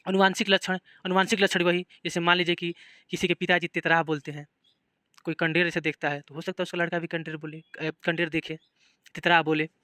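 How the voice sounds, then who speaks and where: A man's voice: a little high, level tone, fairly quick, bright, forceful tone, dry recording, studio quality. A man with a Bihari Hindi accent teaching a biology class, explaining in simple terms and putting repeated questions to his students. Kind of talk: classroom lecture.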